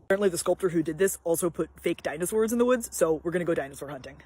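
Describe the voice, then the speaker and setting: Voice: mid-range voice, animated, very fast, a little mellow, husky. A vlogger narrating a trip to roadside sculptures in an amused, joking way. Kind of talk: travel vlog.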